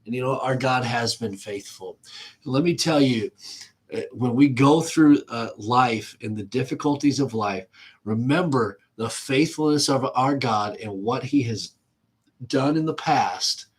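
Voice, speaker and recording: Earnest preaching man, husky voice. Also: mid-range voice, measured pace. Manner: earnest, with frequent filler "uh" and restarts. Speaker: pastor. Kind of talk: sermon.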